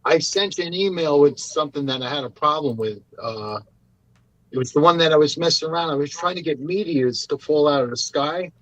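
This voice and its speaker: Easygoing guy calling into a stream, slightly high voice, dry muffled call audio. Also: fairly quick, a bit bright. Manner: laid-back, easygoing, chuckles. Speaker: guest on live stream. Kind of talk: casual live stream chat.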